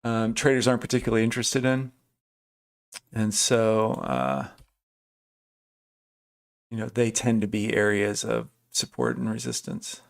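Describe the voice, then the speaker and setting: This livestream day trader speaks in a lowish voice with vocal fry, taking his time and leaving long pauses. Chatty and casual, he thinks out loud about his trades, starts over mid-thought, and answers chat by reading viewers' names aloud.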